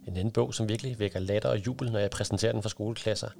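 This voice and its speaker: A man reads a children's book aloud in a low, gravelly voice, telling the story plainly. Music plays clearly underneath him. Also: steady tone, a little mellow. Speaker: children's author. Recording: music playing behind.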